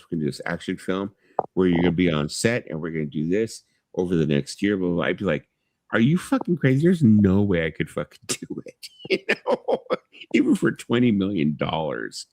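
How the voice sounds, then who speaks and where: A man in his fifties with a low, gravelly voice, chatting loosely on a live stream. He rambles, swears freely and leans on you-knows. The sound is dry and close. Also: animated, fairly quick, darkish tone, dry recording. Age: 50s. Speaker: livestream host. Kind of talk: casual live-stream chat.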